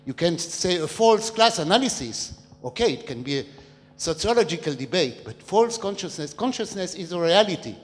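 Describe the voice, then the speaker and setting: An older man in the audience asking a long public question into a handheld mic, talking in a discursive way with hesitant pauses. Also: high voice, very animated. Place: large dark hall with an audience, standing. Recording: long reverb of a large hall.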